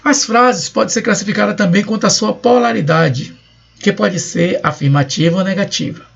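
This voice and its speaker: A man's voice: high-pitched, creaky. A man teaching a recorded lecture, explaining patiently and reading example sentences aloud with shifting intonation. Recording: dull lo-fi recording.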